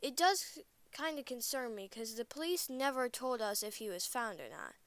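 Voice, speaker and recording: A woman's voice: a little high, expressive, normal speed, a bit bright, no room sound. A woman narrating a true scary story in first person, plain and a little hesitant, correcting herself as she goes.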